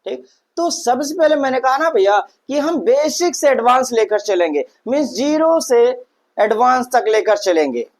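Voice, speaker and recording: A man's voice: very high-pitched, expressive, normal speed. A man teaching English grammar in Hindi. He repeats phrases, asks rhetorical questions and dictates definitions word by word. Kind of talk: Hindi classroom-style lesson, slow and repetitive.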